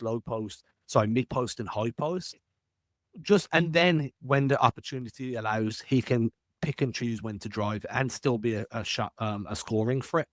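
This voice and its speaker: A man's voice: medium pitch, no room sound, clean studio sound. A man hosting a sports podcast, asking long winding questions and laying out his own analysis with self-deprecating asides. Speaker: podcast host.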